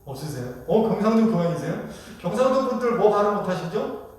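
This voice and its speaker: A man's voice: high voice, very animated, a little fast, a little mellow. A male pastor preaching a sermon who keeps putting questions to the congregation. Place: church sanctuary. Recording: echoey church hall from far off.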